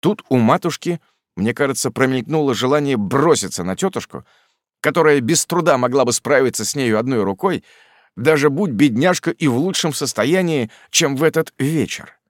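A man narrating a classic novel as an audiobook in a measured, expressive storytelling manner. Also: medium pitch, no room sound, studio quality.

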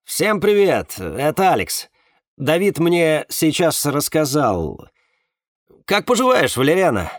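Audiobook: reader playing a soothing but strained man, raised pitch, very animated. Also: slow, dry recording, clean studio sound, full character voice. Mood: placating. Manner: soothing, persuasive, tense. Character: calm, placating man trying to control the group.

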